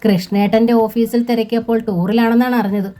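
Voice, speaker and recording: A woman's voice: on the high side, fairly even intonation, brisk, warm tone, soft background music, voice pushed up, lightly acted. A woman voicing a helpful young man who speaks in an earnest, reassuring way in a storybook reading.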